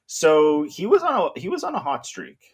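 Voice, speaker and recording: A man's voice: fairly high pitch, huge pitch swings, moderate pace, husky. A man talking casually and enthusiastically about a film, rambling with lots of fillers.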